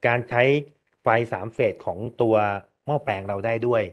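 A man of middle pitch lectures in a steady, polite way, stepping through numbered points and pausing often with fillers. The recording is a little dull and lo-fi. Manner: polite, methodical, frequent hesitation fillers. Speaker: engineering lecturer. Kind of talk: technical lecture presentation.

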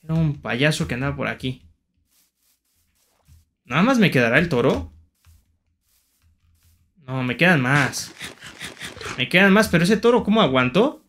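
A young man giving excitable, playfully taunting commentary while playing a survival game. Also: on the high side. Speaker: gaming YouTuber. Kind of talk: Minecraft gameplay commentary.

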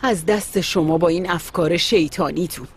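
A woman's voice: fairly low pitch, slightly rough. A middle-aged woman dubbing a fussy, caring mother who nags and fusses over her daughter. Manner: bossy, nagging. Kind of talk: Persian dub of a TV series.

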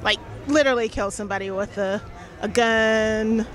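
A bubbly, excitable woman hosting an interview on a busy indoor show floor with a handheld mic. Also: fairly high pitch, normal speed. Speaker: host and interviewer. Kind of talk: enthusiastic auto show interview.

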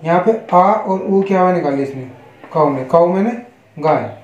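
A man with an Indian accent teaching English pronunciation, spelling each word letter by letter and giving its meaning in a slow, repetitive way. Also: high voice, animated, a little mellow, slight background noise. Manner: spells words letter by letter, then gives Hindi meanings. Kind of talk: online English pronunciation lesson. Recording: echoey, dull lo-fi room.

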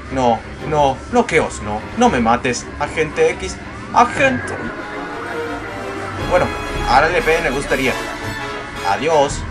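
A man with a slightly high voice gives playful commentary on a racing game and yelps loudly whenever he crashes. Loud game music plays behind him throughout. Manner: excitable, yelps and shouts at crashes. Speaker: gameplay commentator.

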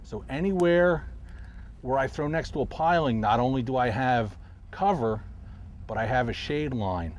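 A middle-aged man, a professional angler, calmly explaining his technique while fishing from a boat on a river, recorded outdoors on a lapel mic. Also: mid-range voice, moderate pace. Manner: calm, explanatory, talks while casting. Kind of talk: instructional fishing commentary. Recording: faint outdoor noise.

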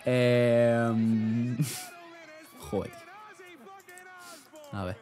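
Young male streamer, loose rambling chat to viewers, medium pitch, soft music bed. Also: fairly even intonation, extremely slow. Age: young adult. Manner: rambling, slangy, laughs often. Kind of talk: casual chat reading live chat.

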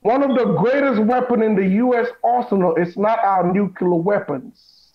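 A man with a high voice lays out his points with emphatic, sermon-like weight. He slows down to repeat his key lines. The recording sounds dull and lo-fi. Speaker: guest. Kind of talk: preachy conversation.

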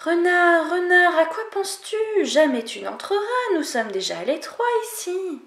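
Une femme prête sa voix aux petits animaux transis blottis dans une moufle, avec un ton aigu et inquiet. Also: female voice, extremely high pitch, sing-song, a little slow, a bit bright, reverberant, pitched above the performer's own voice, exaggerated voice. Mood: timid, protective. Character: small shivering animals huddled in a mitten.

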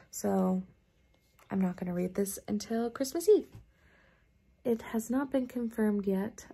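A woman's voice: mid-range voice, creaky, husky. A tired woman rambling casually to camera at night from home. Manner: relaxed, unhurried, rambling. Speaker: vlogger. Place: apartment at night.

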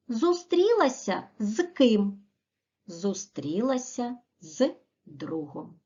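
Slow, lively-voiced woman teacher. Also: fairly high pitch. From Ukraine. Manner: clear, slow and deliberate, stressing word endings. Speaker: primary school teacher. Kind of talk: recorded video lesson for children. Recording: dull, muffled lo-fi audio.

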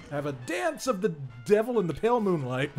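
A man hosting a casual gaming stream, excitable and laughing often as he plays and reads viewer comments. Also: high-pitched. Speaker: streamer host.

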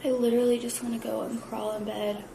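A woman's voice: a little high, little pitch movement, quick pace, creaky, roomy sound, noisy background. A young woman vlogging casually at home, chatty and full of fillers, nauseous and tired. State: nauseous, worn out. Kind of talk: casual vlog chat. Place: home kitchen.

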